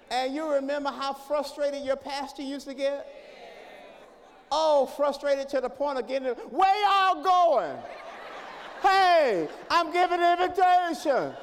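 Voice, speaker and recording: A pastor preaching a sermon, calling for responses and swinging between soft talk and hollering. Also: male voice, extremely high pitch. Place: church sanctuary. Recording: long reverb of a church hall.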